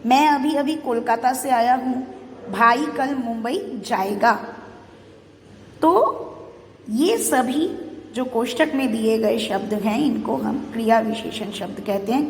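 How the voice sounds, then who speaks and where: A woman explains a lesson to schoolchildren in a high, bright-pitched voice, slow and patient as she asks and answers her own questions. The sound is roomy, with a long echo trailing after her words. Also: a little hiss or hum. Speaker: teacher. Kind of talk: Hindi grammar lesson for children. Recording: echoey room with long reverb.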